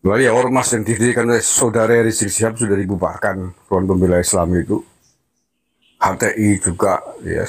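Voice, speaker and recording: A man gives an opinionated political monologue, switching between a steady lecturing tone and heated, mocking taunts. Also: lowish voice, husky. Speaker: political commentator.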